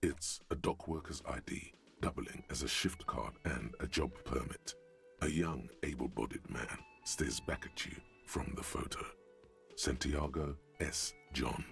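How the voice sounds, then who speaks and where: A man voicing a wry, deep-voiced game narrator with a husky, gravelly voice and a dry, descriptive delivery. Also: unhurried, fairly bright tone, full character voice. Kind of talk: video game voice acting. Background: faint game music.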